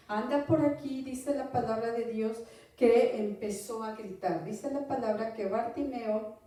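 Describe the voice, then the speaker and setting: A woman preaching a Bible teaching sermon in a conversational tone, often asking listeners "right?" and pausing on fillers. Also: on the high side, dark tone. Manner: conversational, often asks "¿verdad?", hesitant fillers. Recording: echoey room, voice from far off.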